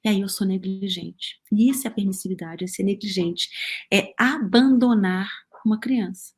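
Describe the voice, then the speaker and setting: A woman's voice: medium pitch, moderate pace. A woman with a Brazilian Portuguese accent, a guest in an interview, explaining ideas carefully and defining her terms. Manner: thoughtful, defines terms, restarts phrases. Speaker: sleep consultant guest.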